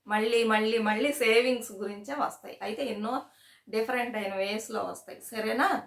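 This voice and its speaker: A woman's voice: on the high side, moderate pace. A woman hosting a savings vlog, talking casually to her viewers, often checking in with them and retelling small everyday stories. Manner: chatty, repeats "సరేనా?" to check in with viewers; storytelling, retells anecdotes with quoted dialogue. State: sweating in summer heat. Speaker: savings channel host. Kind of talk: casual chat to camera. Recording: echoey room.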